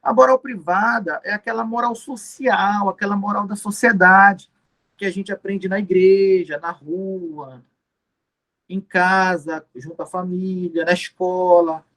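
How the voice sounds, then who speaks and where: A man's voice: high voice, fairly even intonation, unhurried, fairly bright tone. A man giving an exam-prep law lecture, explaining step by step, repeating key terms and answering his own questions. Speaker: law teacher.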